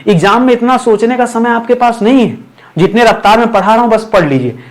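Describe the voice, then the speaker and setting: A man's voice: very high voice, quick pace. A man teaching a grammar lesson for exam preparation, repeating key terms and checking in with his listeners.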